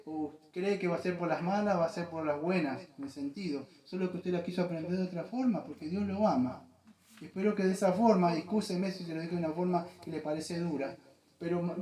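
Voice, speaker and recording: A man's voice: high-pitched, warm tone, echoey room, low-quality recording. A man with an Argentine accent preaching a sermon, earnest and repetitive, often addressing listeners as beloved. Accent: Argentine Spanish. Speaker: pastor. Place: church.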